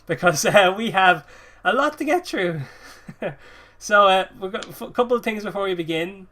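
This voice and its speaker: A podcast host in his early twenties rambles through casual chat while sniffly with a cold, laughing and swearing freely. His high voice is expressive and sharp in tone, at a moderate pace.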